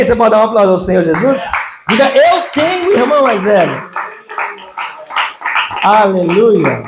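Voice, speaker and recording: A man with a high, light voice preaches with fervor, repeatedly asking the congregation to respond. He shifts between loud, stretched-out exclamations and softer, quicker asides. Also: a little hiss or hum. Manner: emphatic preaching with call-and-response "amém?". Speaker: pastor. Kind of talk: sermon. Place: church service.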